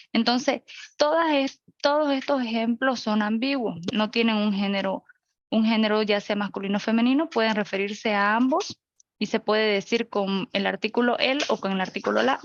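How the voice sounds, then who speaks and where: A young woman with a mid-range voice gives a virtual grammar lecture over a video call, the sound lo-fi with no echo. She walks through examples one at a time and checks in with her listeners.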